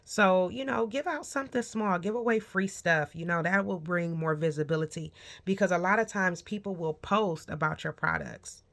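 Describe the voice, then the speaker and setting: A small business owner in her forties talks casually to camera in a gravelly, lowish voice with a fairly bright tone, at normal speed. Frank and encouraging, she speaks right to the viewer, often checking in with "okay?" and "right?". The recording is low quality.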